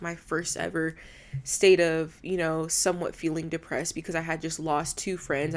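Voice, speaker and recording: Casting note: young woman in her 20s, solo podcast host, candid and heartfelt, casual swearing, slightly low voice. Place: indoors in a rented apartment room.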